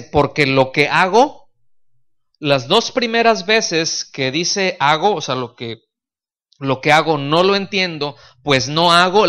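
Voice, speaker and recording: Male pastor, teaching sermon, slightly high and crisp-toned, explanatory, keeps checking understanding. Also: bright, forceful tone. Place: church.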